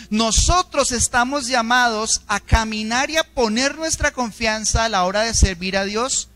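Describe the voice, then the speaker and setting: A man with a Colombian accent preaching a sermon in a church, emphatic and dramatic, often asking the congregation questions. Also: fairly bright tone. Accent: Colombian Spanish. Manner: dramatic, emphatic delivery with shifting pitch. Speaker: pastor.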